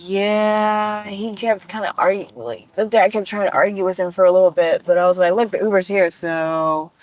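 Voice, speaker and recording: A woman's voice: medium pitch, steady tone, moderate pace, no echo. A woman as a guest on a talk show, telling a personal story in casual, blunt language and acting out what people said. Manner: blunt and profane, acts out quoted lines.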